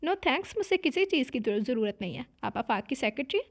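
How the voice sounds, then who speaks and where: A woman's voice: high-pitched, sing-song, brisk, full character voice. A woman narrator voicing a cool, sarcastic young man who speaks in dry, cutting remarks.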